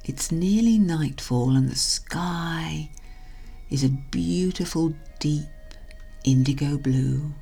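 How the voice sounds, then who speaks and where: A woman hypnotherapist leads a guided relaxation in a low, unhurried voice. Her delivery is hushed and soothing, with a breathy softness that slips toward whispering. Faint music plays behind her.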